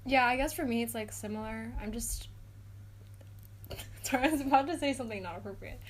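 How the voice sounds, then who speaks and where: A young woman in her late teens co-hosting a podcast, soft-spoken and hesitant, with frequent giggles. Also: on the high side, brisk. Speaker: podcast co-host. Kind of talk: casual chat.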